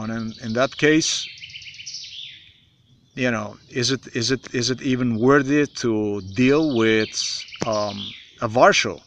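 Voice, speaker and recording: A man in his forties from Slovenia with a Slovenian accent, speaking in a halting, repetitive, emphatic monologue to a phone camera in a forest. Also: medium pitch, a bit bright, slight background noise. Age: 40s. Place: outdoors in a forest. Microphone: phone camera at arm's length.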